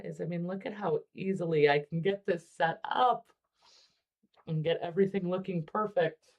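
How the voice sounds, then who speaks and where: A woman hosting a casual livestream about miniature painting, relaxed and chatty with frequent ums. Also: fairly low pitch, moderate pace, highs cut off.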